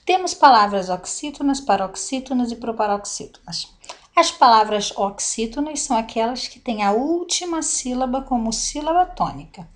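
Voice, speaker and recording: Woman teacher, fairly high voice, careful and deliberate grammar lesson. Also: expressive. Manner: slow, deliberate, spelling out examples.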